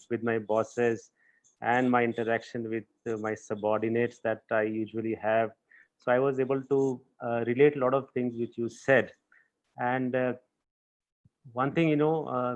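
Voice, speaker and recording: A man with an Indian English accent moderates a webinar, speaking hesitantly with many fillers and a friendly manner. His voice is mid-pitched. The call audio is dull and lo-fi.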